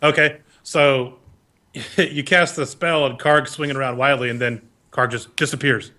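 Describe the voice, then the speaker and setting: A man running a tabletop game as game master, improvising narration in a halting, conversational way. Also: mid-range voice, fairly even intonation, pushed and bright.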